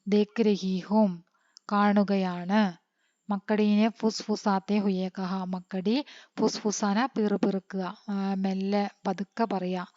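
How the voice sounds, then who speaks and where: A woman from teaching an online lesson, reading text slowly and then quickly glossing words one by one. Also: mid-range voice, a little mellow, no room sound. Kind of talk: online Hindi lesson explained in Malayalam. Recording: dull lo-fi sound.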